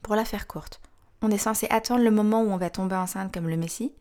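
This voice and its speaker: This podcast host, a woman in her thirties, delivers scripted narration frankly and wryly, as if sharing confidences. Her medium-pitched voice is a touch mellow and moves a little fast.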